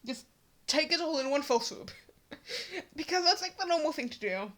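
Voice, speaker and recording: A woman's voice: sits high, animated, moderate pace, fairly bright tone, a little hiss or hum. A woman ranting in a fan vlog, exasperated and swearing, with many fillers and a cracking voice. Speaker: fan commentator.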